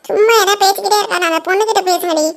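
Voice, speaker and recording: A woman's voice: extremely high pitch, fairly even intonation, rapid-fire, creaky, background noise. A woman voicing a bossy, scolding old village mother-in-law in a cartoon. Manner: bossy, scolding, sharp commands. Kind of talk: cartoon voice acting. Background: background music.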